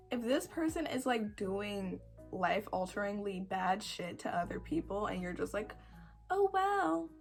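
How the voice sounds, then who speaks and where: A woman of twenty-one talks casually to her followers in a croaky voice at a middling pitch. She rambles in a self-deprecating way and leans on words for dramatic effect. Music plays underneath. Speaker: video creator answering follower questions. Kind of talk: casual chat to camera.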